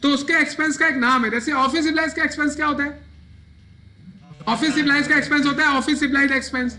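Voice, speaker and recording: High bright male lecturer quizzing students. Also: fairly even intonation, quick pace. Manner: asks students questions and answers them himself. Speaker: accounting lecturer. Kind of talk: classroom lecture.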